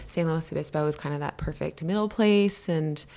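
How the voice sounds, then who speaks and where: A woman's voice: low voice, moderate pace, mellow. A woman in her thirties, from Canada, chatting as a podcast guest with many "um"s and easy laughter. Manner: chatty, laughing, lots of fillers like "um" and "yeah". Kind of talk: casual interview chat.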